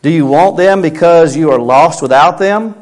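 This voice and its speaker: A man's voice: on the high side, moderate pace, a little mellow. A man preaching a sermon as a pastor at a pulpit microphone, speaking emphatically and posing rhetorical questions.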